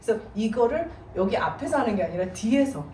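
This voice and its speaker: A middle-aged woman giving a church parenting seminar, telling stories with animated delivery and slipping English words into her talk. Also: fairly high pitch, brisk. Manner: animated storytelling, mixes English words into Korean. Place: church hall. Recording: echoey room, voice from far off, faint noise.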